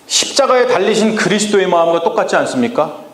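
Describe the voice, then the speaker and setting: A man's voice: high-pitched, animated, fast talker. Male pastor, sermon delivery, asks the room questions, echoey sanctuary sound. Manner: questions the congregation, acts out Bible lines in dialect. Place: church sanctuary. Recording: echoey church hall.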